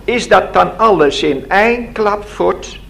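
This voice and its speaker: A man voicing a kind, modest old woman in her seventies, talking gently and homely. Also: high voice, lively intonation, slow pace, creaky, pitched above the performer's own voice, exaggerated voice. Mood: gentle.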